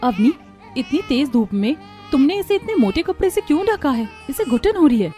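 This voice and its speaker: एक महिला द्वारा निभाई दयालु, ममता भरी नंदिनी बहू. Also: female voice, high-pitched, sing-song, moderate pace. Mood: scolding. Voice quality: gentle, earnest. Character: kind caring young wife and mother. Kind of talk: Hindi cartoon voice acting. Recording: light music behind voice.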